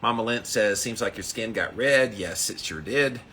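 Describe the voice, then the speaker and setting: Bright-voiced man chatting on a noisy livestream. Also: fairly low pitch, normal speed. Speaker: livestream host of a daily ice bath challenge. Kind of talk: casual livestream chat, greeting viewers and reading comments.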